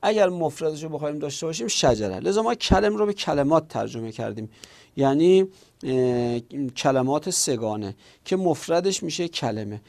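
A man teaching a lecture, explaining slowly and deliberately with frequent hesitations. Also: on the high side, big pitch swings, creaky, a little mellow. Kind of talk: recorded classroom lecture. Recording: audio from a lecture recording.

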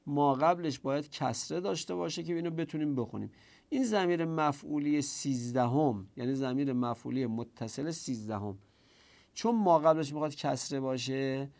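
Gravelly-voiced man teaching a lesson. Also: medium pitch, darkish tone. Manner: explains step by step, often asks and answers his own questions; quotes and recites passages in Arabic. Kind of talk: classroom grammar lesson.

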